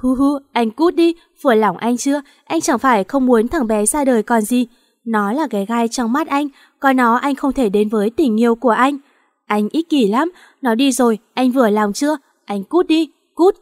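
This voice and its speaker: A woman's voice: a little high, normal speed, dark tone, natural voice. A woman voicing a heartbroken young wife who is grieving and pleading through tears. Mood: anguished. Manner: tearful, pleading. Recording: long hall reverb.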